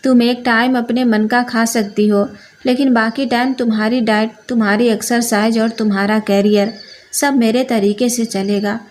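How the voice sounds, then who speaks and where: A woman's voice: on the high side, fairly even intonation, normal speed, a little mellow, lightly acted. A woman voicing an arrogant rich young husband who coldly dictates terms. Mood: commanding. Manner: cold, commanding, dictating terms.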